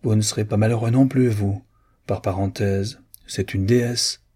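A man reading an audiobook and voicing a fussy, emotional elderly baroness who gushes, with his voice jumping high. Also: steady tone, normal speed, mellow, slightly rough. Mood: tearful. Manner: effusive, gushing, pitch jumping high.

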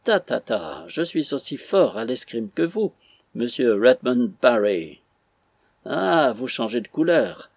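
A man reading an audiobook, voicing an indignant, blustering captain who accuses and bullies in a husky voice. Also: mid-range voice, sing-song, slow, a little mellow, dry recording, exaggerated voice. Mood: sneering. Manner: accusing, bullying.

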